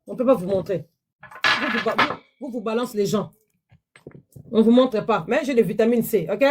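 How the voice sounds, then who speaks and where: A woman, hosting a live-stream sales pitch from her phone, chatty and repetitive, pleading with viewers. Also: brisk, background noise. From DR Congo.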